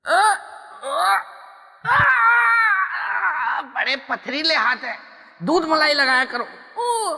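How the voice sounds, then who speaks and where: A man's voice: extremely high pitch, sing-song, takes it slowly, vocal fry, bright, forceful tone, full character voice. A man playing the comic shrunken ghost-spirit Betaal in a TV mythological drama, playful and whiny with exaggerated yelps. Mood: comic fussing. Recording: reverberant studio with music behind.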